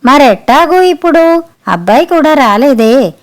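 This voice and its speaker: A woman's voice: on the high side, measured pace, clean tone, close to an everyday voice. A woman doing a fussy, easily startled old mother-in-law. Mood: alarmed.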